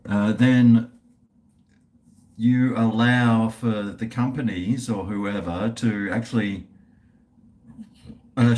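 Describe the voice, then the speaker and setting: Fairly low-pitched and a little mellow, this middle-aged man drinks beer and chats aimlessly on his livestream, laid-back, blokey and full of swearing.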